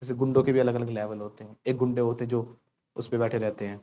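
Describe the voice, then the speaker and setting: A man's voice: medium pitch, level tone, quick pace, dark tone, lo-fi sound. A man from India teaching spoken English to a class in Hindi, joking and pushing his students to repeat English phrases after him.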